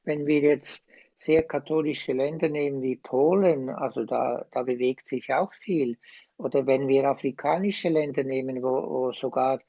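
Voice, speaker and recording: A man, a former priest speaking as a guest, slow and hesitant but impassioned. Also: medium pitch, no room sound, lo-fi sound. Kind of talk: conversational interview.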